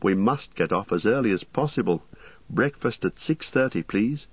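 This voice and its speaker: A male reader voices a weary young hobbit in a fantasy storybook. He is courteous, earnest and worried, with a slightly husky tone. The sound is dry and a little muffled. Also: lowish voice, expressive, moderate pace, no echo, pitched above the performer's own voice. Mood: anxious.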